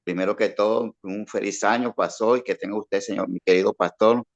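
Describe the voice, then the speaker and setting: A man's voice: on the low side, fairly even intonation, a little fast, vocal fry, highs cut off. A man introducing himself as a Bible course student, often repeating words as he talks. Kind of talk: self-introduction on a video call.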